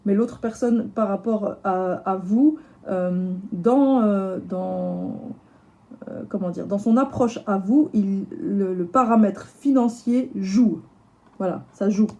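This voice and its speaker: A woman with a slightly hoarse voice, chatting casually through a tarot reading with lots of fillers and restarts. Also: mid-range voice, takes it slowly, mellow, muffled recording. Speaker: tarot reader.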